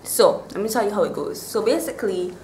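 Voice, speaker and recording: A woman's voice: mid-range voice, expressive, a little fast, darkish tone. A woman in her twenties with a Barbadian accent, chatting casually to the camera as a vlogger. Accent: Bajan (Barbadian). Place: small bare-walled room indoors. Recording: roomy echo, faint background noise.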